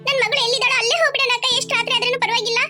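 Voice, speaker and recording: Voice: very high-pitched, steady tone, very fast, bright, forceful tone, full character voice. A performer voicing a worried young mother in a cartoon, pleading anxiously to keep going to find her daughter. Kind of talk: cartoon voice acting. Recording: music playing behind.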